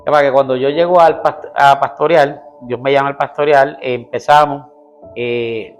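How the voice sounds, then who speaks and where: A pastor tells his personal testimony in an interview, speaking earnestly and acting out what people said to him. His mid-range voice moves at a moderate pace with fairly even intonation, and faint music plays behind him.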